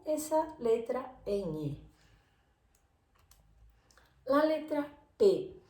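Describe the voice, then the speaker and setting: Slow, careful woman teaching Spanish. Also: medium pitch, a little mellow, echoey room. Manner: slow, careful, repeats example words. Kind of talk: language lesson for Portuguese speakers.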